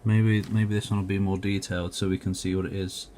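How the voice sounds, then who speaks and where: A man's voice: sits low, little pitch movement, fairly quick, a little mellow, slight background noise. A man giving casual, rambling commentary as a video host, grumbling and poking fun at himself with mild swearing. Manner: self-mocking, grumbling, mildly sweary.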